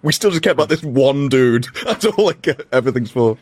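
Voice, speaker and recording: Quick-talking guy making his case, dry sound. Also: medium pitch, animated, darkish tone, no echo. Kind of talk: casual chat.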